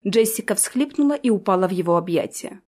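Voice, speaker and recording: A woman's voice: medium pitch, animated, brisk, darkish tone. Woman narrating an audiobook.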